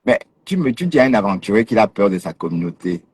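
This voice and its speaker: A man talks straight at a rival on his livestream, teasing and challenging him. His voice sits a little low and comes out husky. He jeers and scolds in a casual, unscripted way. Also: sing-song, fast talker, darkish tone. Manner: mocking, confrontational, teasing laughs. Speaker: livestream host.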